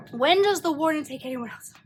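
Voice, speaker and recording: A woman reacting to a movie on her first watch at home, emotional, loud and swearing freely. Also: sits high. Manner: emotional, loud and profane outbursts.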